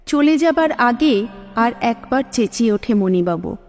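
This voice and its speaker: A woman reading a story aloud, expressive and dramatic, in a fairly high voice. A long hall reverb trails her words, and soft sitar music plays faintly underneath. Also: measured pace. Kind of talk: scripted story narration.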